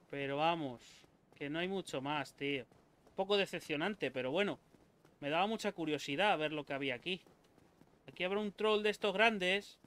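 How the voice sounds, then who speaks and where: Excitable Spanish gamer with a high voice. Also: male voice, clear, resonant tone. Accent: Spain Spanish. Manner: excitable, swears a lot, talks to himself and viewers. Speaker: gaming YouTuber. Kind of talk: live gameplay commentary.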